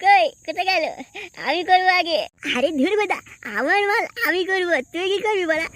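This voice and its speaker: A man voicing a crude, hot-headed, boastful young village man in a comic cartoon, with a pitched-up, foul-mouthed, blustering delivery. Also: fairly quick, a bit bright, dry recording. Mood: angry, boastful.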